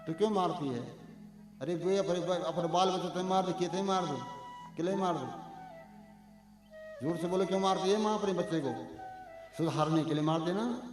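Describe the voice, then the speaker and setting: High-voiced male preacher in an echoey hall. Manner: lively, calls to the crowd, chants Sanskrit verses.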